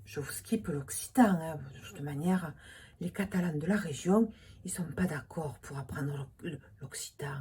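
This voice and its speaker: A woman's voice: low voice, normal speed, warm tone, a little hiss or hum. A woman from Toulouse with a Toulouse accent, talking alone in a humorous, ironic monologue with whispered asides. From Toulouse, France. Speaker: vlogger.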